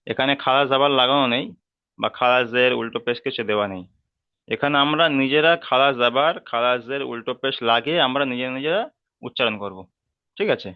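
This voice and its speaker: Patient man teaching with slow repetition. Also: mid-range voice, smooth, no echo, highs cut off. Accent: Bengali. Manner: patient, repeats each term and spells sounds out slowly. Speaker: Quran reading teacher. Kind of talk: slow step-by-step lesson.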